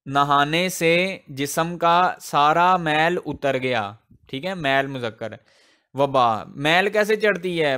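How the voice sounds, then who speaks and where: A man teaching a grammar lesson, explaining slowly with example sentences and repeating the key words. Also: on the high side, fairly bright tone. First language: Urdu.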